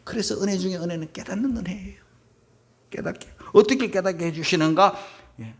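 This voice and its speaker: A male pastor preaching a sermon, swinging from loud emphatic bursts to hushed whispers and calling his congregation to read along together. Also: high voice, fairly quick. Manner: leads the congregation in reading aloud together. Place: church sanctuary.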